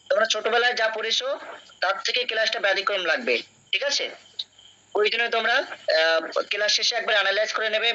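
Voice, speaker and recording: A man's voice: high voice, sharp tone, muffled recording. A young man teaching a classroom lesson, patient and questioning, often checking that his students follow. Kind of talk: classroom lecture.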